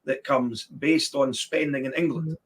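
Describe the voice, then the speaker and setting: A man's voice: medium pitch, fairly even intonation, measured pace, breathy edge. A man earnestly explaining policy in detail in a political interview, sometimes stammering on the start of words. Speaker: election candidate being interviewed.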